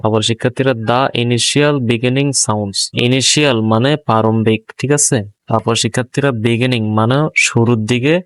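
A man's voice: mid-range voice, smooth, no echo. Man teaching a children's textbook lesson. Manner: explains each English word in Bengali, asks pupils questions. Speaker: primary school English teacher.

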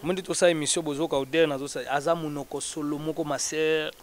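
High-voiced animated man. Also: quick pace. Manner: animated, mixes Lingala and French. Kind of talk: animated casual chat.

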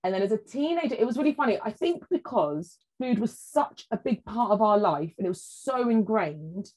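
A woman, a food writer chatting as a podcast guest and telling lively stories with many "like" and "you know" asides. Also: mid-range voice, moderate pace, low-quality recording. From England. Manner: animated storyteller, acts out quoted voices, frequent "like" and "you know". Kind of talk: casual chat.

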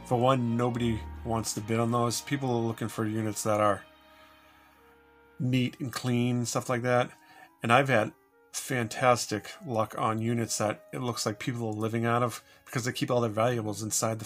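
A man's voice: mid-range voice, flat delivery, moderate pace, faint music behind. A man casually narrating a walkthrough of his cluttered storage room, rambling and asking viewers for help. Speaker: storage unit reseller.

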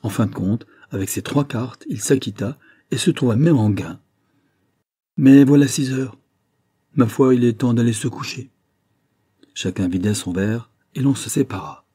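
A man narrating a classic novel as an audiobook in a steady, measured storytelling voice. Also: medium pitch, slightly rough, no room sound, clean studio sound.

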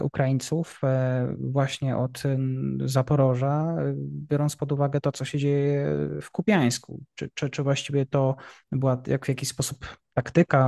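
Host guy asking questions, gravelly dark voice, kinda stumbles over words. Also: medium pitch. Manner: hesitant, repeats words while forming questions. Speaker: interviewer host. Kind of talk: interview questions.

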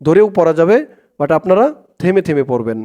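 A man with a Bangladeshi accent teaching Quran recitation, spelling out Arabic syllable by syllable and chanting the phrases in long drawn-out tones. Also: fairly high pitch, expressive, mellow, muffled recording. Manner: slow, drawn-out chanting of the Arabic phrases, plain spoken explanations.

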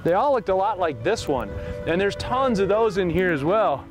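A middle-aged man talks casually from a boat out on a lake, keeping up a running chatty commentary for his viewers. His voice sits a bit high for a man. Soft music plays faintly behind him. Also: sing-song, moderate pace. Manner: chatty, addresses viewers as guys. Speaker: fishing show host. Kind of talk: casual on-the-water fishing commentary. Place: on a fishing boat on a lake, outdoors.

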